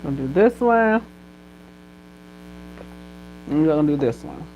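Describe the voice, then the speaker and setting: A woman's voice: low voice, lively intonation, a little slow, dark tone, a little hiss or hum, poor audio. A woman chatting casually on a live stream, addressing her viewers and speaking blessings over them.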